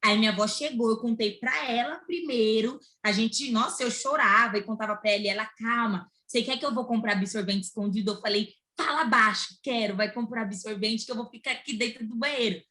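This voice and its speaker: A woman's voice: on the high side, quick pace, few pauses. A young woman with a Brazilian Portuguese accent, telling a personal story in casual chat and acting out the quoted lines. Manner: animated, acts out quoted dialogue.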